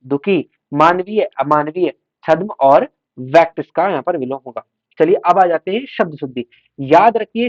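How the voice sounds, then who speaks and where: A man teaching a revision class for exam students, slowly drilling vocabulary and repeating each word for the class. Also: sits high, dry recording. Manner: slow, drills words by repeating them for the class. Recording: slightly dull, lo-fi sound.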